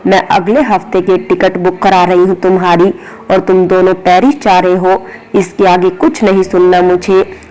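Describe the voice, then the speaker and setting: A woman's voice: on the low side, level tone, moderate pace, darkish tone, lightly acted, rough recording. A woman voicing an affectionate older mother-in-law in a spoken story, coaxing and loving.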